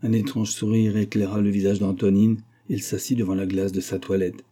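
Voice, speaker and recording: Husky, dark-voiced male narrator. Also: lowish voice, flat delivery, fairly quick. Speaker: audiobook reader. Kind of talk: scripted narration.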